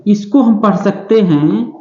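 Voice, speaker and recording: A woman teaching a shorthand class, her voice mellow and unhurried as she goes over each point again and again. She keeps stopping to ask whether the class has understood. The sound is echoey and a little dull, like a lo-fi classroom recording. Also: mid-range voice, a little hiss or hum. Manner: slow, repetitive explaining with frequent check-ins. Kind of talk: classroom lesson at a board.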